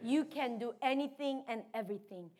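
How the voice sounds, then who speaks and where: A woman pastor preaching a sermon, telling a story with emphatic swings from hushed asides to shouted prayer. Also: on the high side, fairly quick.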